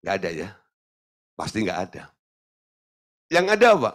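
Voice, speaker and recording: A man preaching a sermon as a pastor, humorous and animated, often checking with the congregation through quick questions. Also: deep voice. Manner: animated, humorous, acts out voices; addresses the congregation with tag questions.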